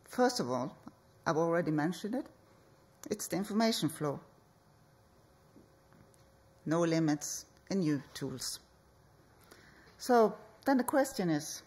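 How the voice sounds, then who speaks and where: Measured, slow-paced woman presenting. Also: on the low side. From Norway. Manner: measured, deliberate, with pauses between phrases. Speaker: architect, conference speaker. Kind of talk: conference presentation. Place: conference hall.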